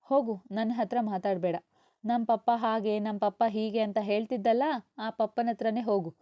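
Woman doing a scolding young mom in a storybook, raised high and loud, dull dry recording. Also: steady tone, moderate pace, no echo, close to an everyday voice. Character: young mother, sharp-tongued and quick to scold.

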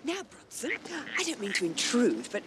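An actress with an Australian accent playing a kind woman who speaks gently and tactfully. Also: fairly high pitch, wildly swooping pitch, moderate pace, heavy background noise. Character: kind adult woman about to move in with a family.

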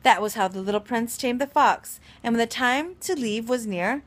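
A woman reading a children's story aloud in an expressive storytelling manner. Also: on the high side, moderate pace. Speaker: reader.

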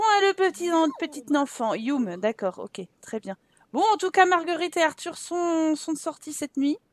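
A woman with a high voice chatters through a life-simulation game, teasing and scolding the characters on screen. Her voice is dry and close, with no room sound around it. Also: no echo. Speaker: gaming YouTuber. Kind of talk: casual let's-play commentary.

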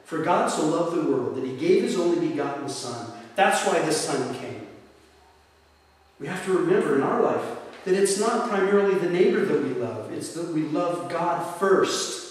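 A man, a deacon, teaching scripture to a parish group in an emphatic way, restating points and asking rhetorical questions. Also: on the high side. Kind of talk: church talk, teaching. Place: parish hall or church. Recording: roomy hall, distant mic, faint hiss.

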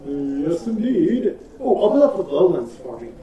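Chatty, high-voiced man in an echoey room. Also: big pitch swings, moderate pace, dark tone, distant mic, lo-fi sound. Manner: chatty and jokey, explaining game mechanics. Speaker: co-host of a let's-play. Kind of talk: casual gaming commentary. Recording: echoey room, off-mic, faint hiss.

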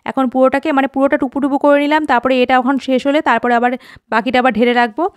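A woman's voice: high voice, steady tone, racing, smooth, dry recording. A woman in her forties from West Bengal, narrating a chatty home vlog and talking straight to her viewers. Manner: chatty, homely, addresses viewers directly. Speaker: vlogger.

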